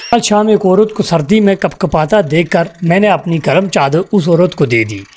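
Male joke reader, fairly high voice, bouncy delivery, chuckles. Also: animated, moderate pace, noisy background. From Pakistan. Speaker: joke teller. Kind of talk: reading jokes aloud.

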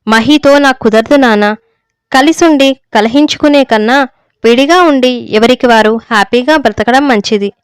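Impatient grown son brushing off his dad, a woman reads him high and clear, dry sound. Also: moderate pace, dry recording, close to an everyday voice. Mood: dismissive. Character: grown son abroad, curt and dismissive.

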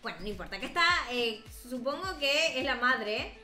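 A woman's voice: fairly high pitch, lively intonation, pushed and bright, roomy sound, soft background music. A woman, chatting and joking while reacting to a cartoon story. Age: 20s. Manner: chatty, amused, quick asides. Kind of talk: casual reaction commentary.

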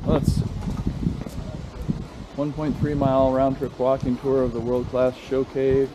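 A man's voice: mid-range voice, level tone, measured pace, lo-fi sound. A man chatting casually as he vlogs while sightseeing. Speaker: vlogger. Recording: noisy handheld outdoor vlog.

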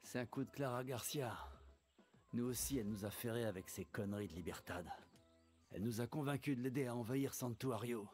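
A man's voice: medium pitch, fairly quick, darkish tone, faint music behind, natural voice. An actor playing a bitter grown male rebel fighter in a video game, speaking in a grim, resentful way. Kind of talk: game character dialogue.

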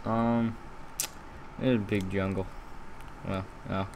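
Slow-talking young man with a lisp. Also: lowish voice, flat delivery, darkish tone, a little hiss or hum. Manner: halting, rambling, repeats himself. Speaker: gaming video host. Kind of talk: casual gameplay commentary.

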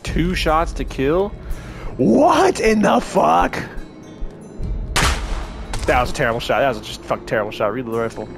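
A young man commentating as he plays a horror game, swearing often, talking to the game's characters and getting excitable when things go wrong. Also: mid-range voice, very fast, hardly any pauses, music in the background. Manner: profane, excitable, talks to the game. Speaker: gaming channel host.

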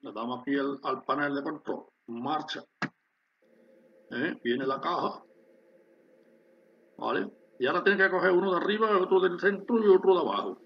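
Man narrating a screen tutorial, slightly high voice. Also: moderate pace, long pauses, husky. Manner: explanatory, addresses viewers with frequent "¿vale?". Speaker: instructor demonstrating a factory simulation. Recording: dull lo-fi sound with faint hiss.

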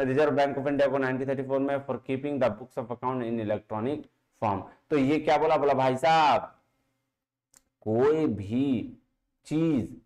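A man with an Indian accent teaching a law exam lesson, slowly reading English passages and asking and answering his own questions. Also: a little high, rough recording. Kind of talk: lecture mixing Hindi and English, reading law text slowly.

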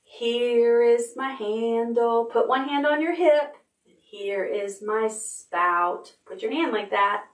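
Speaking slowly in a slightly high voice, a middle-aged library host reads to toddlers and gives them instructions in a sing-song, exaggerated style. The session mixes read-aloud stories with action rhymes in an indoor room decorated with stuffed animals and a painted backdrop. The recording echoes noticeably, with music now and then.

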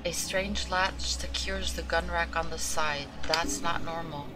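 Slow, low-voiced woman gamer. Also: fairly even intonation, loud music behind the voice. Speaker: gamer, let's player. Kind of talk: casual game commentary, reading on-screen text aloud.

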